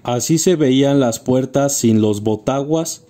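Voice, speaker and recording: Slow, patient Mexican man explaining steps. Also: medium pitch, warm tone. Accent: Mexican Spanish. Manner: patient, instructs viewers directly. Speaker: car accessory tutorial host. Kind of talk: step-by-step how-to narration.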